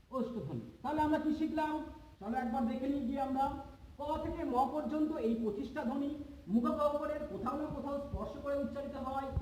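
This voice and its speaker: A man's voice: very high-pitched, a little mellow, a little hiss or hum. A man teaching a lesson, patient, repeating points and checking that students understand. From Bengal. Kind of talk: classroom lesson. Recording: echoey room, far from mic.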